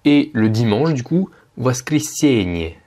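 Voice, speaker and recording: A man giving a casual spoken Russian lesson at home, patiently slowing down to model each word. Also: fairly low pitch. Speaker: Russian language teacher.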